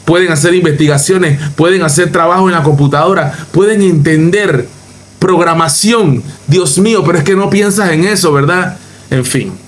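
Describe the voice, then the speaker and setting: A man's voice: a little high, normal speed. A man from Panama with a Panamanian accent, ranting emphatically through a reaction commentary as a youtuber, repeating his points and mocking others. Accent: Panamanian Spanish.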